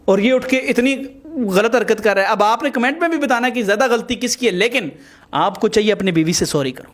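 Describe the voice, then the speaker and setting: A man with a fairly high voice hosts and mediates a heated couple's dispute. He talks emphatically, lecturing both sides and turning to his viewers. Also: animated, fairly bright tone. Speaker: host. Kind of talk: mediating a marital dispute on camera.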